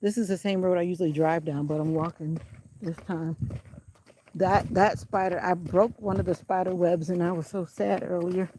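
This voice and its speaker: A woman's voice: on the low side, fairly even intonation, moderate pace, mellow, slight background noise, rough recording. A woman chatting casually while walking a country road, out of breath, filmed on a handheld camera. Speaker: vlogger.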